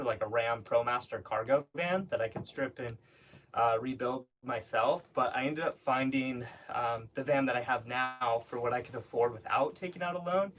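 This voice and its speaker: A man's voice: mid-range voice, fairly bright tone, far from the mic, slight background noise, low-quality recording. A young man in his twenties chatting casually and upbeat as a guest on a live stream. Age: 20s. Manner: chatty, upbeat, laughs easily. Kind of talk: casual chat.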